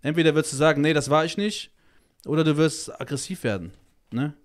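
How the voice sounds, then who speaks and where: Blunt, crude-talking man, slightly high voice. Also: a little fast. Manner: blunt and crude, heavy slang, swears, keeps saying "Alter"; heated, emphatic storytelling. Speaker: guest, child-protection activist. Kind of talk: casual podcast conversation.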